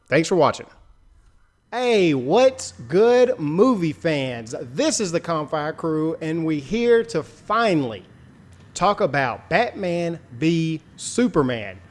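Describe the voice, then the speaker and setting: A man hosting a casual podcast, introducing guests in a loose, jokey way with plenty of fillers. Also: on the high side. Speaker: podcast host.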